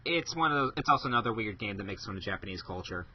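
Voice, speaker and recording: A man's voice: fairly low pitch, expressive, very fast. A man co-hosting a casual gaming podcast in a laid-back, amused way. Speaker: podcast co-host. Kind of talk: casual chat. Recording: dull lo-fi podcast mic.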